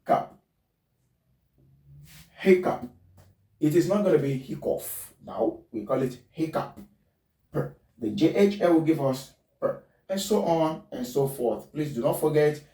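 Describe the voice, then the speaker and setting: Male phonetics teacher, deliberate drill-like delivery, dark timbre, echoey room. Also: mid-range voice. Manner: spells words letter by letter, repeats them slowly. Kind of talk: pronunciation lesson. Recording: roomy, distant mic.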